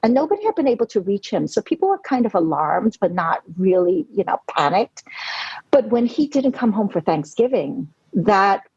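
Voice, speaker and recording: Her voice sits in the mid range with a sing-song lilt, a moderate pace, a slightly mellow quality and a touch of roughness. A novelist in her forties who was born in Hong Kong and grew up in New York City, she shares her story in an earnest, thoughtful podcast interview, leaning on "you know" a lot. The lo-fi audio is dry and dull with no room sound.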